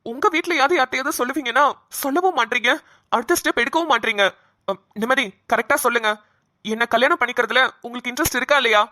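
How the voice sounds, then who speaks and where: A woman's voice: on the high side, bright, forceful tone, no echo, clean studio sound. A woman voicing a pushy young doctor man. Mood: demanding. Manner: pushy, demanding, rapid questioning. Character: young man, insistent doctor pressing for marriage. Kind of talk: cartoon voice acting.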